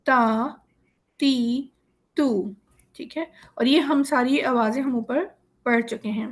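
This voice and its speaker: Patient woman teacher drilling syllables, slightly high. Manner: patient, clear, explains rules step by step. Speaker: Quran teacher. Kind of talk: slow syllable-by-syllable drilling lesson.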